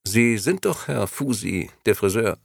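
A man voicing a cold, persuasive grey male agent who talks in a clipped, insistent sales pitch. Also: animated, measured pace, gravelly, slightly rough, no room sound, clean studio sound, heavily acted. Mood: coldly persuasive.

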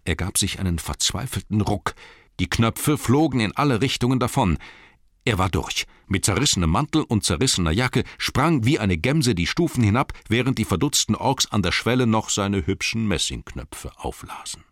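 A man with a very low voice reads a fantasy storybook aloud as an audiobook narrator. His delivery is expressive, and he briefly voices the characters. The sound is close and dry, with no room around it. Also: normal speed, no room sound.

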